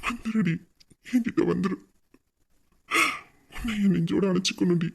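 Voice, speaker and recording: A man's voice: sits high, normal speed, gravelly, darkish tone, slightly rough, full character voice. A man voicing a young man who pleads for his lost love in an earnest audio drama monologue. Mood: longing.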